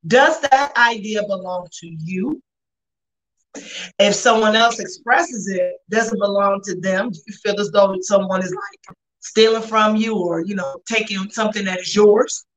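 A woman's voice: mid-range voice, unhurried, low-quality recording. A woman co-hosting a faith talk show, speaking casually with slang and repeating phrases for emphasis. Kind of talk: casual conversational religious discussion.

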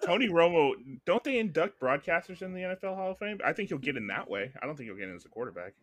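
A man's voice: fairly high pitch, sing-song, quick pace, a bit bright. A man in his thirties co-hosting a casual sports podcast, blunt and profane, laughing often. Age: 30s. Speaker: podcast co-host.

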